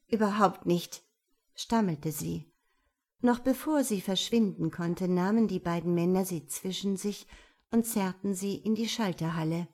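A woman narrating a novel as an audiobook, in steady, measured storytelling. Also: on the low side. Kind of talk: scripted narration.

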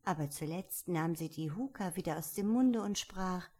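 A woman narrating a storybook in a calm, measured reading voice. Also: lowish voice.

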